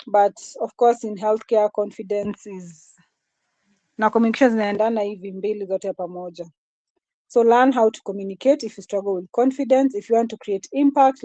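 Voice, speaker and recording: A woman's small voice, fairly high-pitched and mellow, carries an earnest motivational talk given as a guest speaker in a live session, repetitive and sprinkled with Swahili amid the English. No room sound is present, and the highs are cut off.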